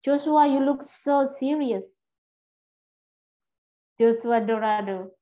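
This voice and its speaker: Woman law lecturer, fairly high voice, repeats questions, calls on students. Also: slow, dark tone, rough recording. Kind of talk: interactive lecture.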